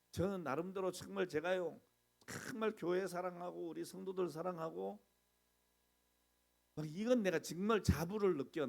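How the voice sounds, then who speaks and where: A middle-aged man preaching a sermon as pastor, animated, asking the congregation questions and acting out complaints. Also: fairly high pitch, vocal fry.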